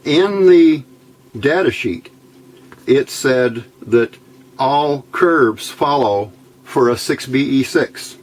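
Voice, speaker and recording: In this noisy home video, a man who presents electronics as a hobby works at an indoor bench, musing out loud in brief, casual bits as he demonstrates hands-on. His mid-range voice is expressive and slow.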